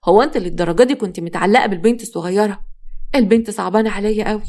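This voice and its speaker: A woman's voice: medium pitch, racing, a little mellow, natural voice. A woman with an Egyptian accent reading a husband who speaks firmly and dismissively, in her own voice. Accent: Egyptian Arabic. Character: stern husband of the neighbor.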